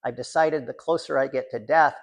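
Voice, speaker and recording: An older poet from Central New York introduces his work at a reading, speaking informally in a halting, digressive way with wry, self-deprecating humor. He reads from his own book in a steady, mid-range voice with a creaky quality.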